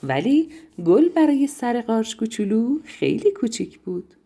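A woman telling a bedtime story to children in a gentle, soothing, sing-song way. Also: a little high, very animated, vocal fry.

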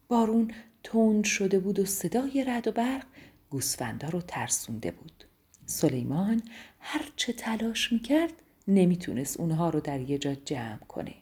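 Softly whispering woman bedtime storyteller. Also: medium pitch. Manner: soft, hushed, often dropping to a whisper. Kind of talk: bedtime story narration for children.

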